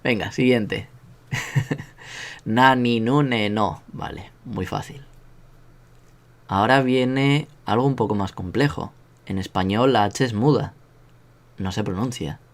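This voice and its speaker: Slow and pausing often, a man with a low voice and a Spanish accent from Spain teaches a relaxed online language class. He pokes fun at himself and has learners repeat sounds aloud.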